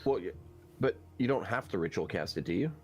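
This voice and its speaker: A man's voice: low-pitched, lively intonation, brisk, over music. Hesitant man player asking questions. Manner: hesitant, restarts often, asks nervous questions. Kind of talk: casual chat at the game table.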